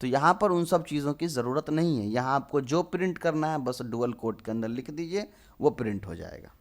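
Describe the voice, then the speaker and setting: A man's voice: medium pitch, lively intonation, brisk. A young man in his twenties teaching programming, explaining step by step and answering his own questions. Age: 20s. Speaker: programming tutor. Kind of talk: screen-recorded coding lesson.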